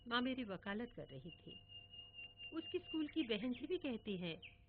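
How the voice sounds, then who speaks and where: A woman reads a dramatic first-person monologue, wistful and expressive. Her fairly high voice rises and falls a lot and moves slowly. The recording is tinny and phone-like. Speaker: storyteller. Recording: tinny phone-like audio with faint hiss.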